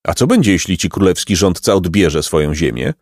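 A man's voice: low voice, sing-song, fairly quick, darkish tone, no room sound. Two curious young wanderers, read by a man in close to his own voice, asking one plain question after another. The voice rises and falls a great deal, and the recording is dry and close, without any room sound.

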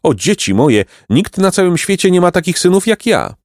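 Storybook figure: a worn-out old mother, tender and overjoyed, raised lively voice, put on by a male narrator, dry close sound. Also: fairly low pitch, normal speed, dry recording, lightly acted.

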